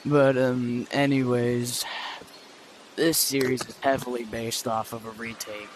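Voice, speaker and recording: A guy hosting his homemade fan video in a casual, rambling way full of ums. His voice sits at a middle pitch. Clear background noise runs under it. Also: level tone, a little slow. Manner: rambling, filler-heavy. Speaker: channel host and narrator. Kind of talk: casual fan video intro and role-play. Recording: noisy home recording.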